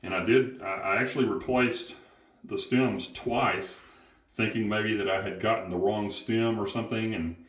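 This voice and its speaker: A man filming his bathroom on a handheld phone, asking in an unhurried, hesitant way for advice on a repair. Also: lowish voice, steady tone. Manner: unhurried, hesitant, thinking aloud. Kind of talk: casual how-to video narration. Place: small tiled bathroom, indoors. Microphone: handheld phone camera. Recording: echoey bathroom with running water. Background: running water from tub faucet and shower.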